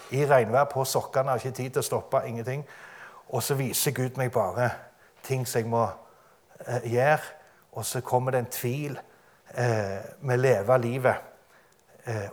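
Guy preaching his testimony, big dramatic storytelling, laughs a lot. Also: mid-range voice. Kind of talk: testimony sermon.

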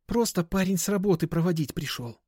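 A bold but nervous young woman, as a male narrator puts her on, speaking in a pert, insistent way. The voice is lifted well above his own and swings lively, recorded dry and close. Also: sits high, brisk, husky, no room sound, pitched above the performer's own voice. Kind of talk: audiobook character voice.

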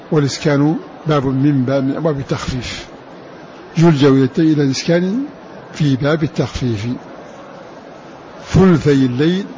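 A man teaching the variant readings of the Quran, explaining slowly, repeating words and chanting verse lines. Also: on the high side, dark tone, muffled recording, a little hiss or hum.

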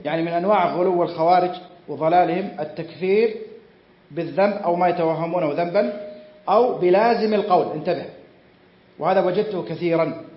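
A man's voice: sits high, fast talker. A man giving a religious lecture, fervent and emphatic, swearing oaths and firing rhetorical questions. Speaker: Islamic scholar giving a lecture. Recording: echoey, muffled lecture recording.

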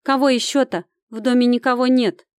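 A woman voicing a grumpy, frightened old village woman who fiercely shields her son, snapping back in a defiant, drawn-out voice. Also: on the high side, steady tone, smooth, no room sound, clean studio sound, voice pushed up, natural voice. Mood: grumbling defiant.

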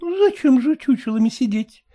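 A reader doing a prim, affected young daughter. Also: female voice, sits high, expressive, moderate pace, dark tone, voice pushed up. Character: pert young unmarried daughter, early twenties.

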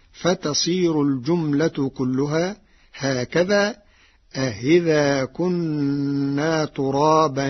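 A man giving a formal, measured explanation on radio, repeating words deliberately. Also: fairly high pitch, husky. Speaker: radio presenter explaining reading variants. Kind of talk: formal slow explanatory talk. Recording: dull old radio recording.

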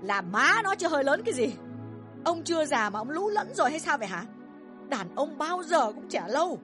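A bossy middle-aged mother in an audio drama, her high voice leaping up and down as she berates her son in fast tirades, a woman acting her out. The scolding never lets up. Faint music plays underneath. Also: very animated. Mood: furious. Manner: shrill, bossy, rapid tirades.

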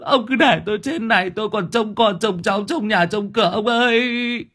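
A man's voice: racing, dark tone. A man voicing an old village widow who wails and stammers over her husband's coffin. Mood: wailing. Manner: shrill sobbing lament, stammering repeats.

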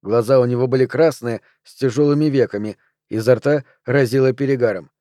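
A man reading a novel aloud in an even, measured narration. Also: medium pitch, no echo, clean studio sound. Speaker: audiobook narrator. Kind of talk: scripted narration.

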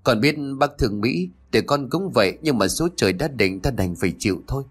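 A man voicing a gentle young man softly consoling grieving parents. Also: medium pitch, expressive, fairly quick, slightly rough. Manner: soft, consoling.

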